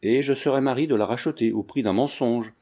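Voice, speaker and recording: A man voicing a calm, defiant young peasant who speaks in a steady, unmoved way. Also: medium pitch, brisk, lightly acted. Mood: proud.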